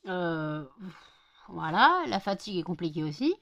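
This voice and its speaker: A woman's voice: lowish voice, sing-song, unhurried, vocal fry, a bit bright. A worn-out woman from France in a casual home vlog, cooing baby talk to her dogs after one hour of sleep. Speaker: vlogger.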